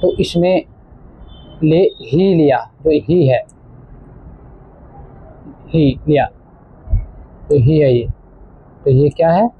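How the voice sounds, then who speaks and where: A male teacher explaining a textbook lesson to children, slowly repeating words for emphasis. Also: a little high, a little hiss or hum. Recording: tinny phone-like audio.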